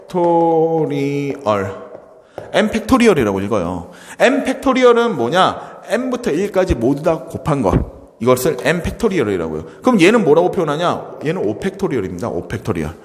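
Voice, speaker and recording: A man teaching a high school math lesson in a lively way, asking and answering his own questions as he goes. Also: big-room sound. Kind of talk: classroom math lecture.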